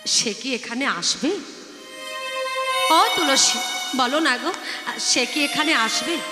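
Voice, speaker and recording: A lovesick young cowherd god calls out in a high, sweet, wheedling voice, as a woman kirtan singer puts him on. His pleas ring through an echoey hall with live music behind. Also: slow. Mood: pleading. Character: young divine cowherd man, coaxing and lovesick.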